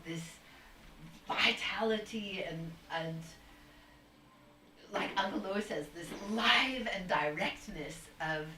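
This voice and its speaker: A woman's voice: fairly low pitch, takes it slowly, pushed and bright. A woman guest talking at length in a rambling, searching way, with frequent restarts, on a video call. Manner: rambling, spiritual, many restarts. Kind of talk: casual conversation. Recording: distant roomy mic with faint noise.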